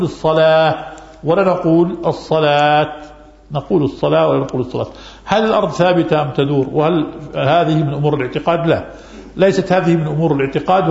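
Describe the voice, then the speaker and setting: A man, an Islamic scholar, answering religious questions in a lesson and repeating key phrases for emphasis. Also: fairly high pitch. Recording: echoey, dull lo-fi recording.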